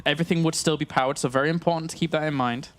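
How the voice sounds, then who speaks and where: A man giving excitable play-by-play commentary on a strategy game match, laughing often. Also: on the high side, very fast. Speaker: esports caster.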